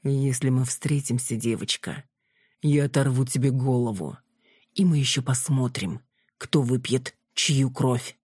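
A reader voicing a cold, mocking female vampire queen, speaking slowly and deliberately in a husky voice. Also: mid-range voice, a little mellow, no room sound, studio quality. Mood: menacing. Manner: slow, deliberate, commanding. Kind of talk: audiobook character voice.

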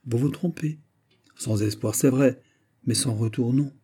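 Man doing a hushed, earnest marquise. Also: mid-range voice, a little slow, slightly rough. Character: noble young marquise, anxious, devoted.

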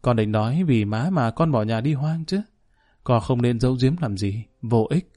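A man reading a coldly calm, blunt mother. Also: mid-range voice, normal speed, natural voice. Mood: cold steady. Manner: flat, even, dry delivery. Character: cold, blunt middle-aged mother, calm and unyielding.

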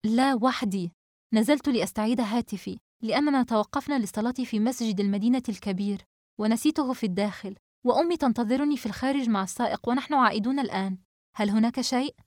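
A woman's voice: on the high side, racing, a little mellow, dry recording, studio quality, close to an everyday voice. A woman reading a novel aloud, voicing an anxious young woman in urgent, pleading tones.

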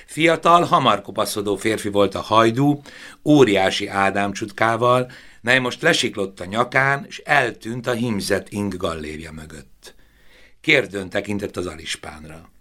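A man narrating a novel in a measured, expressive audiobook reading. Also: fairly low pitch.

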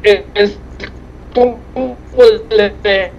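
Desde su auto en movimiento, un hombre de acento mexicano charla sobre deportes como comentarista, con voz alta, tono estable y algo de voz rasposa (vocal fry). Habla con calma pero titubea y usa muchas muletillas. El teléfono móvil entrega un sonido lo-fi, crujiente y cortado, con ruido tenue.

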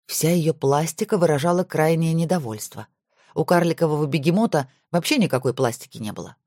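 A woman narrating an audiobook with expressive storytelling. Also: low voice, fairly quick, dry recording, studio quality.

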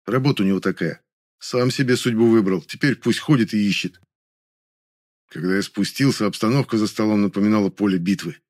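Male audiobook narrator, lowish voice, steady scripted first-person reading. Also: brisk.

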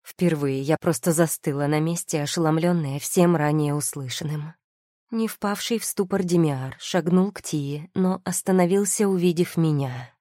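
A woman narrating an audiobook in the first person, measured and expressive, on a close mic. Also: low voice, no room sound.

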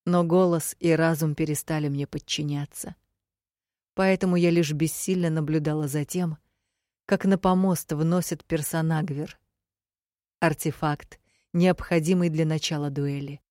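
A woman reading a first-person fantasy audiobook, measured and emotive. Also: deep voice, steady tone, a little mellow, no room sound, clean studio sound. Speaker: audiobook narrator.

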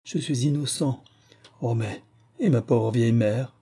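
A man's voice: mid-range voice, unhurried, mellow, slightly rough. A man voicing a desperate, accused male bank clerk who protests indignantly.

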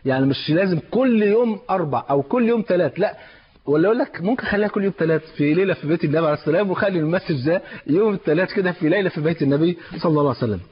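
A man's voice: sits high, very fast, breathy edge. A male preacher with an Egyptian accent giving a colloquial religious lecture, joking and acting out small everyday scenes. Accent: Egyptian Arabic. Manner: lively, joking, acts out little scenes. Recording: dull lo-fi sound.

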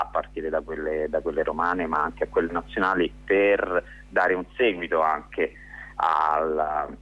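A man who is an activist guest calling in by telephone, explaining his group's position in an earnest, halting way. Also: sits low, breathy edge. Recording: dull lo-fi phone line.

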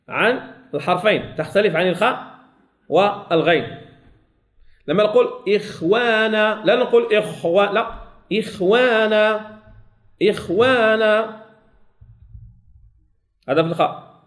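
With a high, animated voice and a Moroccan Arabic accent, a man leads a classroom tajweed lesson on Quran recitation. He corrects his students, checks they are following, and draws sample words out slowly, repeating them again and again.

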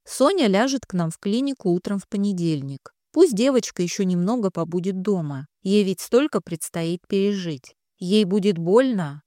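Brief: woman narrator as a seasoned woman doctor, quiet and measured, guilt under the calm, dry read. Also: mid-range voice, no room sound, lightly acted.

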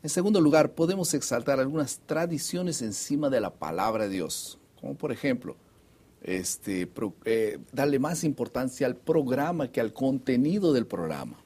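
A man's voice: medium pitch, animated, moderate pace, a little mellow, husky. A man leading a Bible study discussion, reading verses aloud and steering the talk to the next point. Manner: guiding, reads scripture aloud, moves the talk on. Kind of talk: casual religious discussion.

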